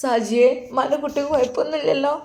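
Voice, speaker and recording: A woman's voice: high voice, steady tone, quick pace, a little mellow, roomy sound, pitched above the performer's own voice, close to an everyday voice. A woman voicing a loving older mother, speaking in tender, tearful endearments.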